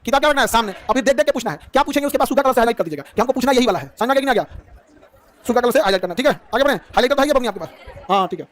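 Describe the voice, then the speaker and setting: A male teacher drilling a class at high speed, firing off questions and often shouting the answers himself. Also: expressive, very fast, some chatter behind. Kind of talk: rapid-fire classroom quizzing. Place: classroom with students. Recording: noisy crowded classroom.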